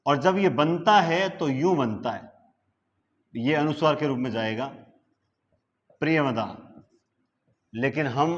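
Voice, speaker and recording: A man's voice: on the high side, lo-fi sound. A man teaching a live online grammar class. He stretches words out syllable by syllable and keeps asking the class whether they follow. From India. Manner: stretches out words syllable by syllable while explaining at a board; asks the class rhetorical questions to check understanding.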